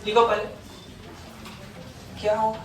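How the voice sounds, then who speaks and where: A male physics teacher giving a classroom lecture, coaxing his students to confirm each step and dictating notes slowly. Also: high voice, monotone, background noise. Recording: echoey classroom from far off.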